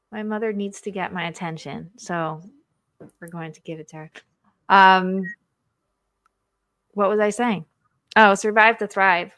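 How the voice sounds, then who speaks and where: A woman hosts a casual live interview with a bright, forward voice. She talks in an animated way and slips into little acted inner voices. The sound is dry and close. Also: medium pitch, no room sound. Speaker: show host, marriage coach.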